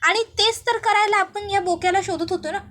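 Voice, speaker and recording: A woman's voice: extremely high pitch, steady tone, fairly quick, pushed and bright. A woman voicing a jealous, scheming young woman rival, in a defiant, taunting manner. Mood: grim, resolved.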